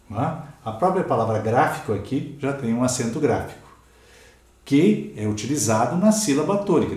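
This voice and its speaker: A man's voice: medium pitch, warm tone, reverberant. A Brazilian man teaching Portuguese grammar in a recorded exam-prep lecture, stressing his example words and checking in with "ok?" and "certo?".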